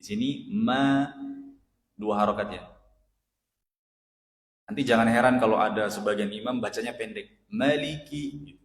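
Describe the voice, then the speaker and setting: A male ustadz teaching Quran recitation in a mosque study session, patiently correcting pronunciation and chanting Arabic phrases slowly. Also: fairly low pitch, level tone. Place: mosque hall. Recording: echoey mosque hall, roomy reverb.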